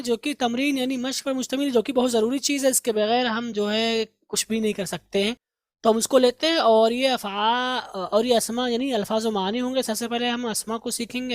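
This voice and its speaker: Woman slowly modeling words. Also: a little high, dry recording. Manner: repeats each word slowly to model pronunciation. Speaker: English teacher. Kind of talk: spoken language lesson.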